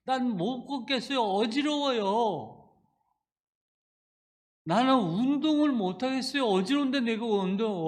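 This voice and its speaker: A male pastor preaching a sermon and giving earnest personal testimony, moving from quiet reflection to loud pleading. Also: sits high.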